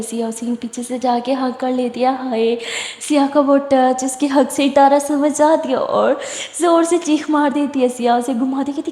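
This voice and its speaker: Woman storyteller, high voice, lively, echoey room, long reverb. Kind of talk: narrated romance story.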